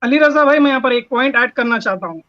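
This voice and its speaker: A man's voice: very high voice, fast, pushed and bright, muffled recording, a little hiss or hum. A man on an online debate panel, methodically citing references and reading passages aloud in English. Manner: methodical, reads quotes in English.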